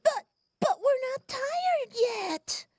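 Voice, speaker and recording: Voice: very high voice, sing-song, extremely slow, darkish tone, no room sound, clean studio sound, exaggerated voice. A performer voicing a small, eager cub child who pleads to stay up. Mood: pleading.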